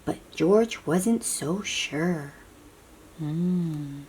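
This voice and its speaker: A woman with a low-leaning, slightly rough voice reads a picture book aloud to young children. She reads dramatically and expressively, drawing out words, dropping to hushed moments, and adding asides and questions for her listeners.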